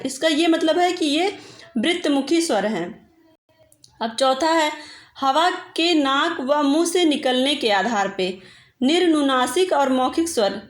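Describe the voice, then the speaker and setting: A woman's voice: high voice, echoey room. A woman teacher giving a patient grammar lesson, stretching out example vowel sounds as she explains.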